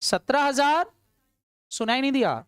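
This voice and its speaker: A woman teaching accounts to a class, firing questions at her students, urging quick answers and often answering them herself. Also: sits high, dry recording, clean studio sound. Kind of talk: classroom lecture.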